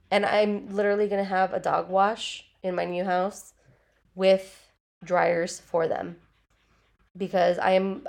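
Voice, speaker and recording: With a medium-pitched voice and some vocal fry, a woman chats through her solo podcast at home alongside her dogs. She rambles casually, swears without hesitation and uses "like" a lot, her nose still congested as her voice returns from a cold.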